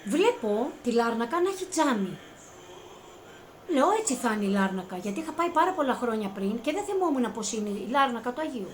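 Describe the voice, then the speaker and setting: High-voiced woman, earnest personal testimony, climbs into excited retelling; light room ambience. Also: a little hiss or hum. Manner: earnest, rising to high-pitched excitement when reliving events. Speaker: vlogger recounting a personal experience.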